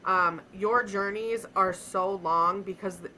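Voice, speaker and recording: A young adult woman on a podcast, earnestly telling a personal story in a casual, animated way with frequent fillers. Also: mid-range voice, takes it slowly, slight background noise, rough recording. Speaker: podcast co-host.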